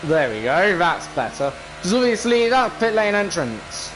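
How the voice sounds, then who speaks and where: A man's voice: sits high, very animated, unhurried, music in the background, low-quality recording. A British man giving casual, grumbling, exasperated commentary while playing a racing game. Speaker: gamer, video creator. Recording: racing car noise behind voice. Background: racing game engine sound.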